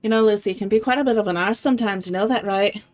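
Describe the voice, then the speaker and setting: A woman's voice: mid-range voice, fast, faint music behind, close to an everyday voice. A woman putting on a playful, hammed-up Irish accent for her stream. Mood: teasing. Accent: put-on Irish.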